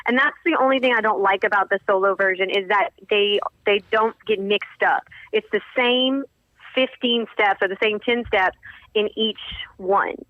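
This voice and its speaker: A woman's voice: on the high side, no echo. Chatty woman caller on a phone line. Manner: animated storyteller, acts out quotes. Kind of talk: casual chat.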